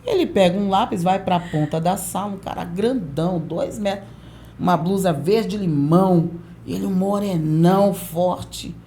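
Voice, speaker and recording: A woman pastor in her forties, a podcast guest telling a lively testimony and acting out the voices of people in it. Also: lowish voice, moderate pace, slight background noise. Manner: lively storyteller who acts out quoted voices. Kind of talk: storytelling testimony in a podcast interview.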